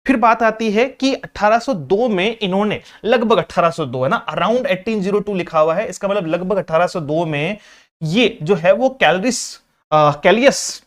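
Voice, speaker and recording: A male teacher giving an exam-prep lecture, repeating key points and asking the class questions as he explains. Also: high-pitched. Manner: mixes English terms into his explanations.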